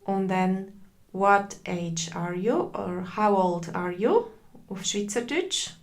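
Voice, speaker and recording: Swiss german lady teaching online, slow and patient, keeps repeating numbers. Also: mid-range voice. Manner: patient, repeats slowly and greets chat viewers. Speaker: language teacher. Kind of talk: live online language lesson.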